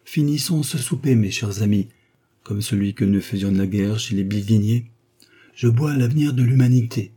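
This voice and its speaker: A man's voice: lowish voice, normal speed, mellow, breathy edge. A man voicing a doomed aristocratic count, speaking with courtly, earnest declamation. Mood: solemn. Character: doomed aristocratic male count, gracious and composed.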